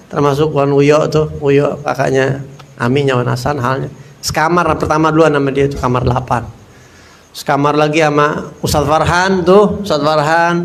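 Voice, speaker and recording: A man, his voice sitting a little higher than most men's, tells stories from the pulpit. His delivery is loose and conversational, and he slips into the voices of the people he quotes. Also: creaky. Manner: casual, colloquial, acts out quoted voices. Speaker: preacher. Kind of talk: storytelling sermon.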